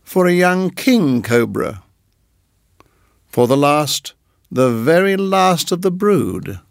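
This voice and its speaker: A man's voice: a little high, very animated, slow pace, gravelly, no echo, clean studio sound, voice pushed up, full character voice. A man voicing a brave, boastful young male mongoose in a storybook reading, taunting and fierce.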